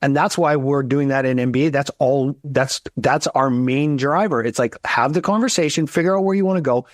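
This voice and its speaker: A man hosts an interview podcast, chatting casually and with growing energy about his work with clients. He talks in quick restarts and self-corrections, at an ordinary middle pitch. The sound is dry and close, with no room around it. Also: no room sound. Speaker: podcast host, accountant.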